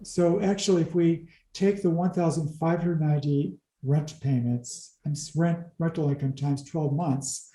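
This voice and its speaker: A man explaining real estate figures in an interview, talking fast through the numbers with wry asides. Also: fairly high pitch, fairly even intonation, mellow, echoey room, low-quality recording. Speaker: commercial real estate advisor.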